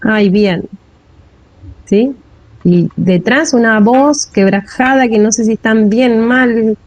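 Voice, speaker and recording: A woman's voice: a little high, a little slow, a little mellow, dry recording, poor audio. A woman with a Rioplatense Spanish accent giving a classroom lecture on linguistics, often checking in with a rising "¿sí?". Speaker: teacher.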